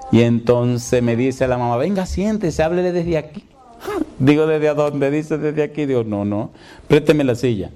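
A man's voice: mid-range voice, unhurried, mellow, smooth. A middle-aged man, a pastor delivering an emphatic sermon. He asks the congregation rhetorical questions and acts out the dialogue of his story.

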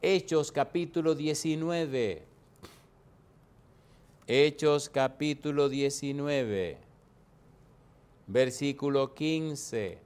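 A man preaching a sermon, dramatic and emphatic, rising to loud bursts and reading out scripture references slowly. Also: fairly high pitch, clean tone.

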